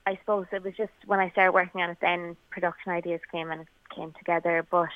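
A young woman from County Kerry in the west of Ireland chats casually in an interview as a singer-songwriter, with a Kerry accent. Her voice is lowish with little pitch movement, and she talks fast. The sound is thin and phone-like, like a radio call, with no echo.

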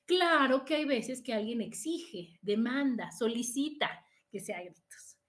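A woman's voice: on the high side, expressive, measured pace. A middle-aged Mexican woman hosting a podcast, giving chatty, casual advice to her live listeners and often checking in with "¿no?". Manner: chatty, tags "¿no?" after points. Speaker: podcast host.

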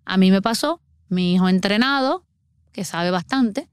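A woman's voice: mid-range voice, a little slow, smooth, no room sound, studio quality. A middle-aged woman, earnestly explaining child water safety as a guest on a podcast. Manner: earnest, explanatory, acts out everyday scenes.

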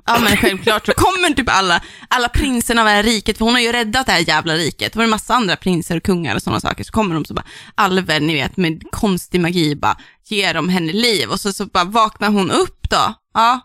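Her mid-range voice is bright and forceful, animated, with few pauses, as this young woman co-hosts a book podcast. She swears freely and rants in exasperation, laughing along the way. It's a dry, clean studio recording.

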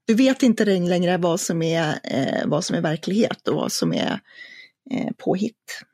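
A woman's voice: on the low side, expressive, darkish tone, no room sound, studio quality. A woman co-hosting a podcast in casual chat, talking thoughtfully and hesitantly with many fillers. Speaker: podcast co-host.

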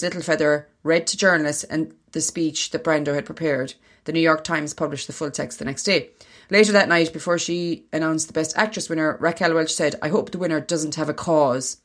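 An Irish woman hosts a podcast in a distinctly low voice. She shifts between reading from prepared notes and relaxed conversational talk with her co-host.

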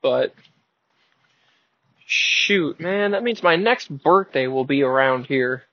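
A man's voice: on the high side, lively intonation, takes it slowly, no room sound. A man in his early twenties, host of his own show, rambling and thinking aloud in a casual, wry, self-mocking way while driving. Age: 20s. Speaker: podcast host. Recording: dull lo-fi sound.

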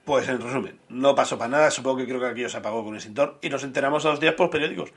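Fast-talking man telling a rowdy story. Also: mid-range voice. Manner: crude, animated anecdote-telling with acted quotes. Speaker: podcast co-host. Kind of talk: casual storytelling chat.

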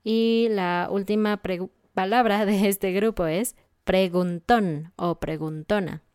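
A Mexican woman teaching Spanish vocabulary in a casual lesson, explaining words with clear examples. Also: mid-range voice, steady tone, slow pace, a little mellow, no room sound, clean studio sound.

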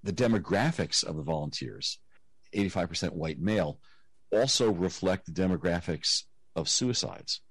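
Very deep man over a low-quality video call. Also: expressive, normal speed, husky, no echo. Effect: low quality video call audio. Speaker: interview guest, nonprofit director. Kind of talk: remote interview answers.

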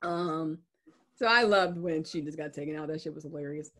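A woman's voice: low-pitched, normal speed, fairly bright tone. A woman chatting casually about a TV series, blunt and profane, laughing often.

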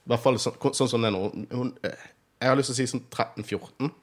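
A man's voice: medium pitch, steady tone. A man with a Bergen accent, hosting a podcast in casual chat, talkative and laughing often. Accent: Bergen Norwegian. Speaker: podcast host.

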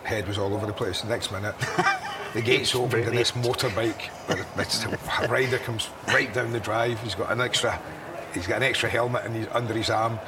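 A man in his sixties, a former broadcaster being interviewed, speaks in a fairly low, steady voice at a slightly fast pace. He tells his story candidly and earnestly, often repeating words as he collects his thoughts. The interview was recorded outdoors, with city noise audible.

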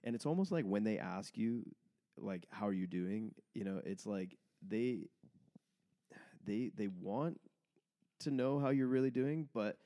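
A comedian guest on a podcast chats casually in a lowish, mellow, expressive voice, speaking a little slowly. He talks frankly, laughs easily, and acts out little quoted exchanges.

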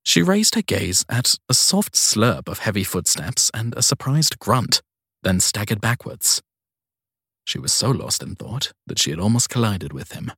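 Crime fiction comes through in a fairly deep, husky male voice, recorded as an audiobook. It's slightly bright, close, and dry, with no echo and no room around it.

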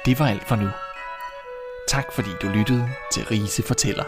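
A man reading a fairy tale aloud in a measured, expressive narrating manner, as host of a storytelling podcast. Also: lowish voice, music in the background.

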